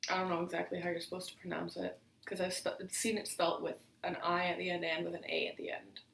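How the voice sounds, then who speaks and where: A woman's voice: on the low side, level tone, fast, vocal fry, a bit bright. Woman vlogger, casual rambling chat while eating, roomy distant audio with faint hiss. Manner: chatty, rambling with fillers between bites.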